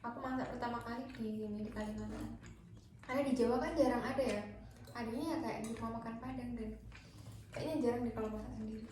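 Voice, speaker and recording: A woman's voice: fairly high pitch, fairly even intonation, quick pace, dark tone. A woman from Indonesia chatting casually over a meal as the host of a vlog. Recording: very echoey room, distant mic, clear noise.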